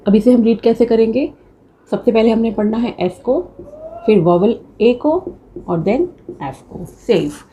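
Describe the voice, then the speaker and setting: Female tutor, young, warm mellow tone, calm step-by-step lesson delivery. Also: a little high, a little slow, lo-fi sound, slight background noise. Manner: patient step-by-step explaining, mixing English terms. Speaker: shorthand teacher. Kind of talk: classroom lecture.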